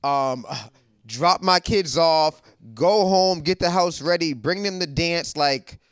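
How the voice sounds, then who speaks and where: Thirties man, raised-pitch voice, dry close sound, emphatic storyteller in a casual panel. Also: slow pace, clean tone, no room sound. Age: 30s. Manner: emphatic storytelling, repeats points. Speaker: guest father. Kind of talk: casual group discussion.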